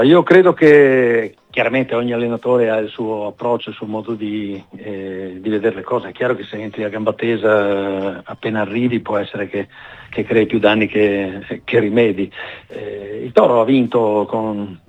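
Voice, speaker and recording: A man calling in to a radio show as a football coach guest, giving measured commentary in a halting way with frequent pauses. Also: on the low side. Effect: caller heard over a phone line into a radio show. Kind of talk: casual expert commentary. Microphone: phone. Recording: tinny phone line.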